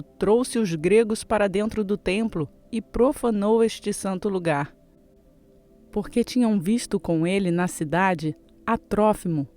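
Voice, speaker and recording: Mellow-voiced scripture reader. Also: medium pitch. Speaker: Bible reader.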